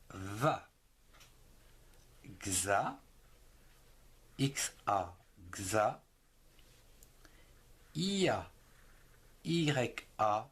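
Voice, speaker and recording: Male teacher, husky voice, very slow and deliberate, spells letters and syllables one at a time for a lesson. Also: mid-range voice, fairly bright tone. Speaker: handwriting teacher.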